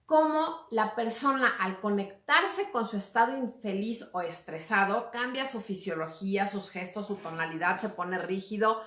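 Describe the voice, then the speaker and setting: A woman's voice: medium pitch, normal speed, hardly any pauses, fairly bright tone. A woman gives a casual talk as a communication coach, speaking conversationally and checking in with little tag questions. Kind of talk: casual lecture to viewers. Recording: roomy echo.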